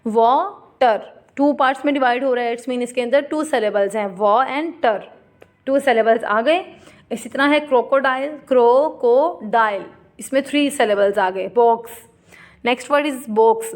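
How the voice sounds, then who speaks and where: Woman teacher, fairly high voice, unhurried classroom lecture style. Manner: addresses students as "beta", checks understanding.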